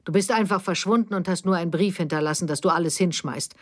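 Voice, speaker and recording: A woman's voice: on the low side, fast talker, close to an everyday voice. A bitter older mother, voiced by a woman reading an audiobook, reproachful and cutting, defensive to the core.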